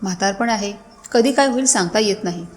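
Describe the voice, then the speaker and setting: A greedy grown son, pushy and wheedling, his demands turning sharp when he is refused, as a woman reads him aloud. The voice sits in a middle pitch. A long reverb hangs on every word, as if spoken in a big hall. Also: a little fast, natural voice. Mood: pressuring. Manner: pressuring, wheedling, flaring into anger.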